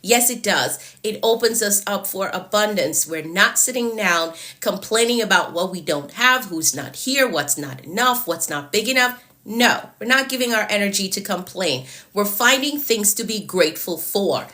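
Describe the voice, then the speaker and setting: Though congested and losing her voice, this productivity coach livestreams with lively intonation at a moderate pace, barely pausing, her medium-pitched voice pushed and bright. She greets viewers by name and keeps repeating her encouragements despite the stuffy, fading sound.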